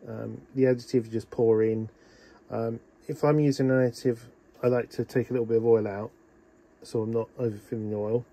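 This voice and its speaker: Talking a little fast with vocal fry, a man with a warm, medium-pitched voice and fairly even intonation walks through an oil change on his boat engine. Filming on a phone in one hand in a small cabin, he keeps it casual, practical, and full of ums.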